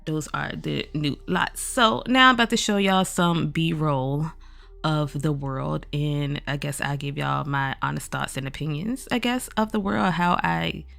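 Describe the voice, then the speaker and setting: Groggy gravelly-voiced woman gaming vlogger. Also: sits low, a little slow, a bit bright. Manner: chatty, addresses viewers directly as "y'all". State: groggy morning voice. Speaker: gaming video creator. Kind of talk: casual game overview vlog.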